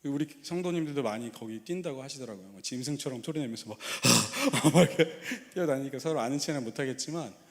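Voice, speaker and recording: A man's voice: medium pitch, a little mellow. Male pastor preaching in a reverberant hall. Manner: conversational, fond of rhetorical questions to the congregation; laughs easily and tells light personal anecdotes. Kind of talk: sermon. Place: church sanctuary.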